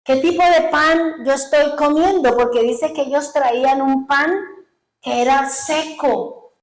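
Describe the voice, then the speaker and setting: A woman's voice: high voice, takes it slowly, rough recording. A middle-aged woman pastor, giving an emotional sermon testimony and acting out her own past prayers.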